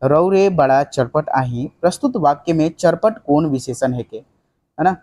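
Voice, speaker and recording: A man's voice: fairly high pitch, unhurried, a little mellow. A young man teaching an exam-prep lesson, working through quiz questions in a chatty way, often saying "ठीक है" and mixing in English words. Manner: conversational, fills with "ठीक है", quizzes students rhetorically, mixes in English.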